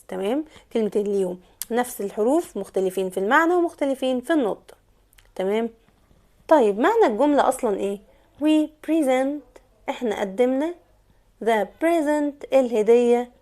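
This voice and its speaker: A woman with an Egyptian Arabic accent teaching an English lesson, repeating example words very slowly and leaning hard on the stressed syllables. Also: a little high, dark tone. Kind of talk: online language lesson.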